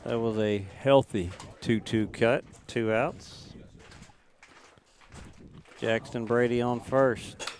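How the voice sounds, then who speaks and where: A man calls a baseball game pitch by pitch in a brisk, steady delivery. His voice sits in a middle register and rises and gets louder when a ball is put in play. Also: a little hiss or hum. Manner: brisk, lifts in pitch and volume on big plays. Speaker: play-by-play announcer.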